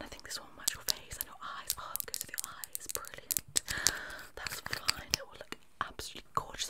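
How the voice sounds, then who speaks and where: This ASMR clip features a young woman in a makeup artist role-play, recorded on a close, fluffy-covered microphone in a small bedroom. She whispers rapidly and aggressively, and her speech is chaotic and full of repeated words.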